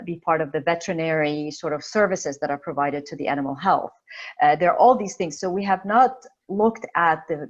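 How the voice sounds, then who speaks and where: A woman's voice: deep voice, muffled recording. A woman from Egypt speaking as a panelist in an online discussion, thoughtful and full of fillers and restarts. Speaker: webinar panelist. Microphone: video call.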